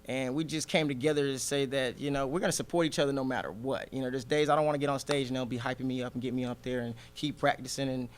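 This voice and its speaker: A man's voice: medium pitch, fairly even intonation, fast, hardly any pauses, a little hiss or hum. A man who does stand-up comedy, talking casually in an interview and laughing often between remarks. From Nigeria.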